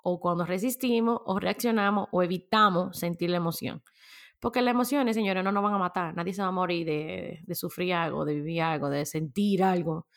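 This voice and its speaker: A woman hosting a casual solo podcast, chatty and animated, laughing often as she talks. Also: lowish voice, a little fast, gravelly. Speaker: podcast host.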